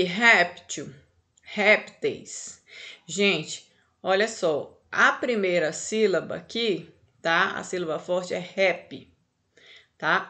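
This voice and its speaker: With a mid-range, fairly bright voice, a Brazilian woman gives a grammar lesson. She explains each step patiently and regularly checks in with her students.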